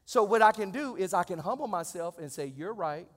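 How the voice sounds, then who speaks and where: A pastor in his forties preaching a sermon in a church. He talks conversationally and then swells into loud, high-pitched exclamations. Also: animated, fairly quick, big-room sound. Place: church sanctuary.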